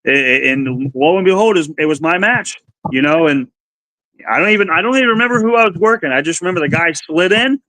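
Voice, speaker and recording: A man's voice: on the high side, animated, fairly quick, bright, forceful tone, no room sound, poor audio. A man, a pro wrestler, chatting casually on a podcast, stammering and repeating words as he talks. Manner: stammering, repeats words while searching for them.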